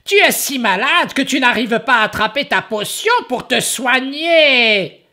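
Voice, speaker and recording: A man reading a children's story, voicing a joyful, doting female ogress with a very high, shrill, gushing voice. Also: lively intonation, unhurried, pushed and bright, exaggerated voice.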